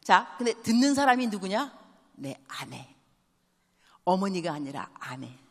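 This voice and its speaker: Animated woman preaching in a reverberant church. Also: mid-range voice. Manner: animated storytelling with quick call-and-response questions to the congregation; drops English phrases into her speech. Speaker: missionary preacher. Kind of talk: church sermon. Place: large church sanctuary. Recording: long church hall reverb.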